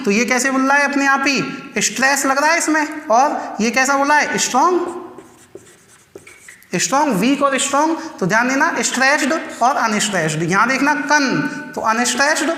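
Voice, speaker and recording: Male teacher, bright and forceful voice, call-and-response quizzing style, recorded in a reverberant echoey room. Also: very high voice, expressive. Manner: drills students with repeated rhetorical questions; slow, emphatic counting and spelling out terms. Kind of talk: exam-prep lecture.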